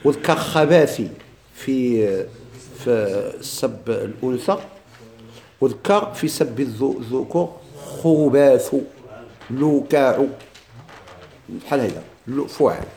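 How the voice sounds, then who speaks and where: Moroccan guy teaching arabic grammar, gravelly mellow voice, keeps asking himself questions. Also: mid-range voice, expressive. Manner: explains slowly, repeats examples, asks and answers his own questions. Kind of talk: classroom explanation of a grammar text.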